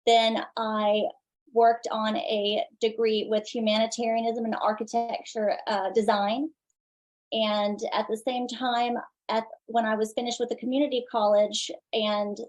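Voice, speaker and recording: A woman from Mexico whose first language is Spanish, a designer speaking in a panel discussion with steady, measured talk. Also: on the high side, rough recording.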